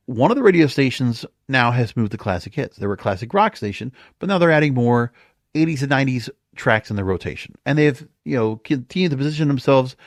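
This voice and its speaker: With a mid-range voice and clean studio sound free of any room echo, an American man hosts a solo podcast. His commentary is opinionated and meandering, delivered in an exasperated tone packed with rhetorical questions.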